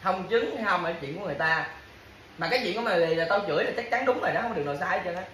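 A lowish, slightly bright voice with lively intonation fires off rapid scolding at a partner at home. In this casual domestic bickering, the same complaints and empty threats recur again and again, recorded in an echoey room with faint background noise.

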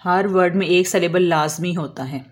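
A woman explaining a lesson as an English teacher, slowly drawing out example words and answering her own questions. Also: on the low side. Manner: asks questions and answers them herself.

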